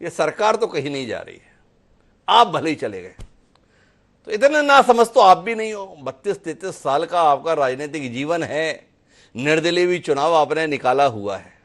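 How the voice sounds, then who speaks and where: A man's voice: fairly high pitch, big pitch swings, normal speed, fairly bright tone. A man anchoring a televised political debate, firing pointed, rhetorical questions at his guests.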